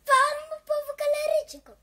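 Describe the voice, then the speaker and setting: A woman voicing a shy, quiet little boy sidekick who gives short, mumbled, hesitant answers. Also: very high-pitched, level tone, a little fast, background noise, pitched above the performer's own voice. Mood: timid.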